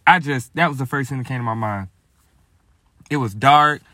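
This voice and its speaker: A man telling a story to his viewers in a casual, lively, slangy way. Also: medium pitch, moderate pace, dry recording, clean studio sound. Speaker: vlogger.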